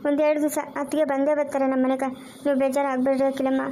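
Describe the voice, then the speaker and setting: Woman playing a gentle consoling young woman. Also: sits high, flat delivery, fast talker, slight background noise, natural voice. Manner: gentle, repetitive soothing pleas. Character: kind younger woman comforting an elder. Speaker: Savitha, a relative consoling Akhilamma. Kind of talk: amateur family drama acting.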